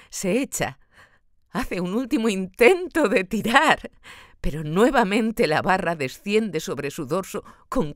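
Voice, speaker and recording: Slow, expressive woman audiobook narrator. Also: fairly low pitch, dry recording, clean studio sound. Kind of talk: dramatic literary narration.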